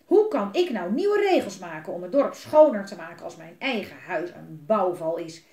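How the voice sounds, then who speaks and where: A woman reading aloud voices an angry father who shouts and scolds his children, in a roomy-sounding room. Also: mid-range voice, sing-song, normal speed. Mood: furious. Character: furious strict father, a village alderman. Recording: roomy echo.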